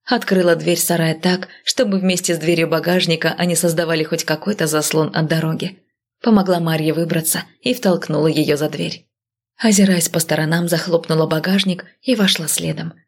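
A woman reading a first-person audiobook in an even, measured storytelling manner. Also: deep voice. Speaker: audiobook narrator.

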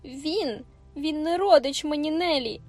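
A haughty little girl with a shrill, high voice barks orders and huffs in indignation, as a woman reading the book puts her on. Faint music plays softly behind the audiobook reading. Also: expressive, moderate pace. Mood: indignant. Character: spoiled bossy young girl, haughty and tearful. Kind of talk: audiobook character voice.

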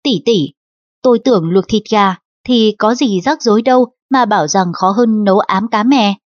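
A woman's voice: mid-range voice, normal speed, no room sound, close to an everyday voice. A woman reading the lines of a curious, blunt young nobleman who questions things, for an audiobook. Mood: doubtful. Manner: doubting, questioning. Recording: dull lo-fi audiobook recording.

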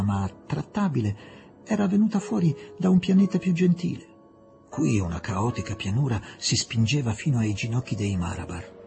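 Narratore espressivo dalla voce calda. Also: male voice, fairly low pitch, gravelly, dark tone. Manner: dramatic, varied delivery. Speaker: audiobook reader. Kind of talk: expressive literary narration.

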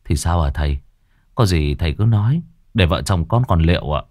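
A man's voice: low voice, animated, normal speed, a little mellow, dry recording, studio quality. A man voicing a nervous young husband who stammers and repeats words, polite and hesitant. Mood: anxious.

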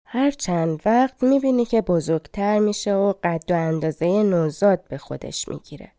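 A woman voicing an old limping fortune-teller, a fairy in disguise, in a storybook reading, speaking in a gentle, coaxing and mysterious way. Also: mid-range voice, no echo, studio quality, natural voice. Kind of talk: audiobook fairy tale reading.

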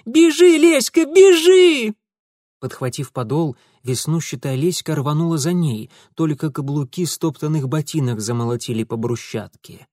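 A man giving an expressive, dramatic audiobook narration. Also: mid-range voice, normal speed, hardly any pauses, dry recording, studio quality. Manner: dramatic, lively storytelling.

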